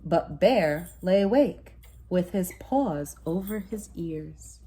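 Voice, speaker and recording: A mother in her thirties reads a children's picture book aloud as a bedtime story in a room at home, putting dramatic emphasis on the sound words. Her voice is fairly low and dark, slow, with lively intonation, and the home recording has a noisy room.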